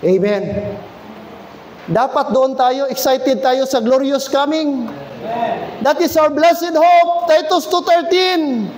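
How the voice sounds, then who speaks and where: Pastor guy preaching loud n fervent, really high voice for a man, church hall echo with a little noise behind. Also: slow. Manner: impassioned, often shouting, mixes English into Filipino, calls out to the congregation. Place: church service.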